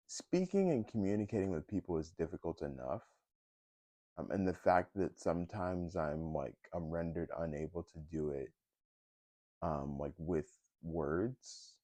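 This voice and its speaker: A man's voice: low-pitched, expressive, unhurried, mellow, no echo. A young man talking in a casual personal vlog, hesitant, with many fillers and restarts. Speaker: vlogger.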